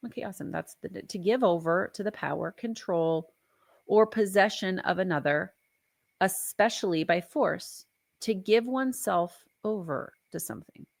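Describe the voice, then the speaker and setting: A middle-aged woman hosting a faith podcast, teaching in a chatty, animated way with playful asides. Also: on the low side, measured pace, vocal fry. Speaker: podcast host and minister.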